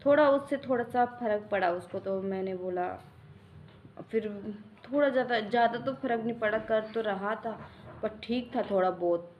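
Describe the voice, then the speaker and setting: A woman's voice: a little high, normal speed, highs cut off, a little hiss or hum. Young mother rambling in a home vlog. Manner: rambling, homely storytelling with many restarts. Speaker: mother vlogger.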